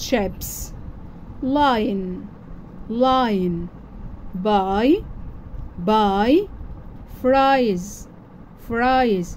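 A woman with an Egyptian Arabic accent teaches English to young children, saying each word twice and explaining it in plain, simple steps. Her voice sits a little high and has a soft, mellow tone. A faint hum of background noise runs under the recording. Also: rough recording.

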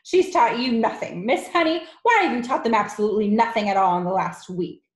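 A woman's voice: expressive, moderate pace, reverberant, natural voice. A woman voicing a huge, bullying headmistress in a children's audiobook, contemptuous and explosive, barking out orders and insults. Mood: bullying, commanding. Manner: barking, booming, shouted insults.

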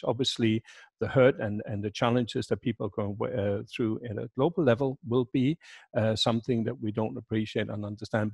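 A man in his sixties, a pavilion director, answering interview questions over a video call on a headset mic, measured with many fillers and restarts. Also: medium pitch, darkish tone, husky, dry recording.

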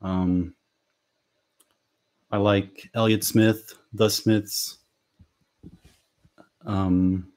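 A young Lithuanian man, a native speaker and author, hosts a casual livestream from a small bedroom at home using a headset. His lowish, slightly mellow voice is flat and extremely slow, full of pauses, ums and restarts.

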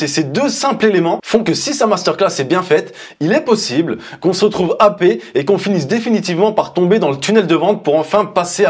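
A man's voice: high voice, slightly rough. A man in his thirties critiquing an advertisement in a blunt, mocking, informal way, recorded in a studio on a lapel mic. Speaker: marketing commentator. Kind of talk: sarcastic ad critique. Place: indoor studio, dark backdrop.

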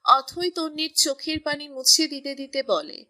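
In a high, bright voice, a woman tells a romance story unhurriedly. Her manner stays even throughout, and the delivery sounds crisp, as if read from a script.

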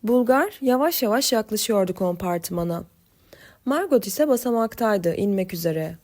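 Mellow woman reading an audiobook. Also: mid-range voice. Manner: measured, expressive. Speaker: audiobook narrator. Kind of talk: scripted audiobook narration.

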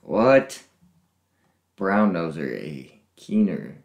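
A man hosting a reaction video, guessing aloud with lots of laughs and unsure pauses. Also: sits low, very animated, gravelly, reverberant, soft background music. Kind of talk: casual reaction commentary.

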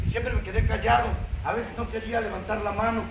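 A high-pitched man with a Mexican Spanish accent tells his story to a recovery group, crude and mocking, swearing at every turn. He sounds far from the mic in an echoing meeting room. Steady background noise runs under his voice. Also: fast talker, creaky. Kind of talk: profane testimony to a group. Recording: distant, roomy, noisy room recording.

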